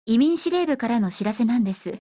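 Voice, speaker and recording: A calm female professor of the future lays things out with polite assurance, voiced by a woman reading aloud. Her voice sits a little high and the recording is dry and close. It stays an audiobook reading throughout. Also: no room sound. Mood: explaining. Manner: polite explaining, brisk refusals.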